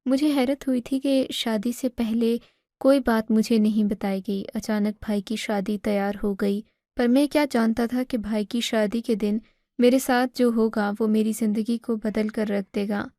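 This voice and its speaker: A woman storyteller reading a first-person moral story in a steady, even way. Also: a little high, no echo, studio quality. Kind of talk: scripted first-person narration.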